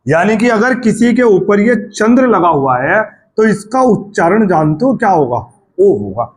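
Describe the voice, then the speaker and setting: A man's voice: high voice, sing-song, normal speed. A man teaching grammar for exams, drilling vowel sounds and checking often whether his students have understood. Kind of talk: exam-prep Hindi grammar lesson.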